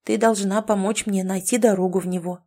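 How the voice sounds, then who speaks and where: A woman's voice: mid-range voice, steady tone, fairly quick, mellow, natural voice. A woman reading the lines of a touchy young man trapped in a kitten's body in an audiobook, close to her own voice. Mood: grumpy. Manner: grumpy, condescending.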